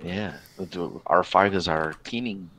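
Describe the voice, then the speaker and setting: A man with a low voice narrates a tabletop role-playing session as game master. He takes his time, pausing on fillers and restarting phrases as he goes. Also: sharp tone, a little hiss or hum, rough recording. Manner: slow, hesitant, many fillers and restarts.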